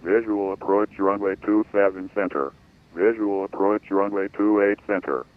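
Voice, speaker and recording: A man reading an airport weather broadcast over an aircraft radio, in a flat, measured delivery of codes and numbers. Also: on the low side. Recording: tinny radio transmission.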